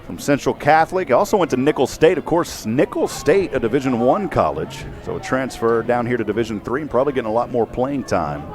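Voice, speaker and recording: A man doing live play-by-play commentary on a college football game from a stadium booth, his voice jumping up and even shouting on big plays. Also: medium pitch, brisk, hardly any pauses. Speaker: play-by-play announcer.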